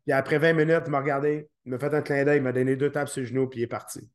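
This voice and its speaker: A man with a Québécois French accent, a former fighter as a podcast guest, talking in a halting way and often repeating his words. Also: medium pitch, little pitch movement. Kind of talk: podcast interview.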